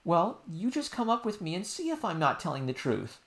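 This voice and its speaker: A man's voice: high-pitched, sing-song, fairly quick, a bit bright, pitched above the performer's own voice, heavily acted. A man voicing an upset young girl princess, earnest and proud, in a storybook reading. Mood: pleading. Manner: earnest, pleading. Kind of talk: audiobook character voice.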